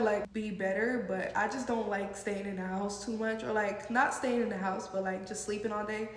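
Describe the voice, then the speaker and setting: Sick with a head cold and sounding stuffy and congested, a young woman from the United States, with some New York City influence, chats informally in a mid-range voice while answering vlog questions. She uses "like" frequently, and the recording is in an echoey room with music playing.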